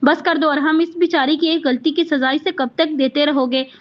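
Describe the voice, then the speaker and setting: A woman's voice: sits high, fairly even intonation, moderate pace, lo-fi sound, close to an everyday voice. A woman voicing a stern, commanding older father in a read-aloud romance novel.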